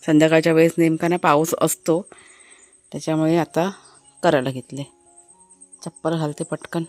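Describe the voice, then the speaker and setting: A woman from Maharashtra in casual vlog narration, chatty and explanatory as she speaks to viewers from an outdoor garden, now and then calling loudly to her dogs. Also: deep voice, little pitch movement, normal speed, dry recording, faint music behind. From Maharashtra, India. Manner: calls out loudly to her dogs between remarks. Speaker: family vlogger.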